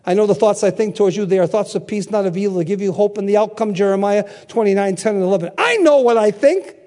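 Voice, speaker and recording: An older man gives a sermon in a high-sitting, darkish voice at a quick pace. Repeating key phrases emphatically, he calls out questions for the congregation to answer in a call-and-response manner.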